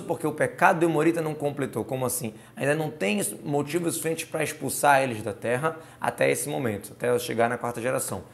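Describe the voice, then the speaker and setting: A man's voice: medium pitch, creaky. A man teaching a Torah lesson, reading verses aloud and explaining them word by word with Hebrew terms. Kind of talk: explanatory Bible commentary lesson.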